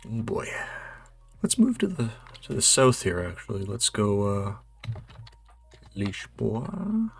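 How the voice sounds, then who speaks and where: A North American man with a fairly low, creaky voice plays a geography quiz, speaking slowly but with lots of animation and pausing often. He thinks aloud casually, muttering hesitant questions to himself while music plays and a keyboard clicks in the background.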